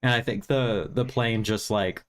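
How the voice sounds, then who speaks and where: A low male voice, a little slow, with a clean tone. The speaker hosts a film review livestream from Virginia, USA; he's tired and getting over stuffy sinuses, and his casual talk meanders, stays candid and self-deprecating, and includes some swearing.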